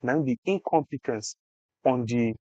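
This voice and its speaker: A man's voice: mid-range voice, normal speed, warm tone, dry recording, muffled recording. A Nigerian man explaining things conversationally in Nigerian Pidgin, emphatic and repeating phrases for effect. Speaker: interview guest explaining health insurance.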